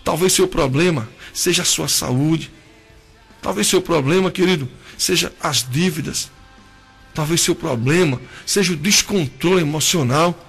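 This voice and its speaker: A man's voice: fairly high pitch, a little slow, creaky, a bit bright, breathy edge, soft background music. A man preaching an emotional, pleading sermon.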